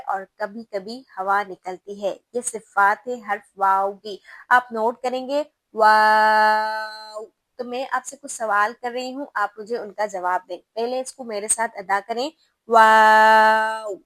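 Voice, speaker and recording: Woman, tajweed teacher, patient, explanatory, fairly high voice, dry close sound. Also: a bit bright, no room sound. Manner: patient, explanatory, slow drawn-out sound demos. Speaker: Quran recitation teacher. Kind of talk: tajweed lesson.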